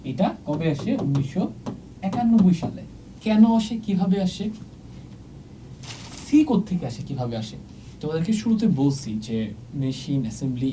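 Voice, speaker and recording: Board-lesson teacher, mellow tone, a bit off-mic, keeps asking okay?. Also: medium pitch, recorded from a distance, slight background noise, low-quality recording. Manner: checks in often with "okay?"; mixes English words into speech. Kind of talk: exam-prep lecture at a board.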